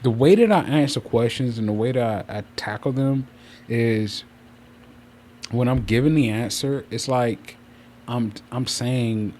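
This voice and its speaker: A running fan makes clear, steady noise as a streamer chats casually from a room at home. His voice is medium-pitched and a little slow, and he rambles, often circling back to say things again.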